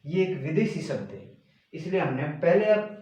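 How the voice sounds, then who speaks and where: A male teacher giving a grammar lesson, slowly repeating and stressing key words. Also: a little high, sing-song, dark tone. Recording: very echoey room.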